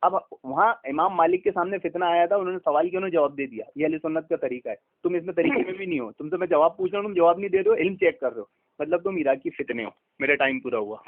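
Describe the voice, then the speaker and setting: A man with an Indian Urdu accent in a heated religious debate, lecturing and accusing his opponent. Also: on the high side. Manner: accusing, lecturing, cites scholars. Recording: tinny phone line.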